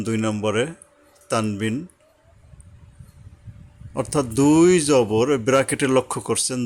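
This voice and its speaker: A man teaching Quran reading step by step, patiently repeating points and slowly sounding out each syllable. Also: mid-range voice. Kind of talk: step-by-step recitation lesson.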